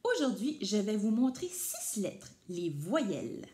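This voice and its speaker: A woman voicing a patient father explaining letters in a storybook read-aloud, gently and clearly. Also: mid-range voice, sing-song, takes it slowly, a little hiss or hum.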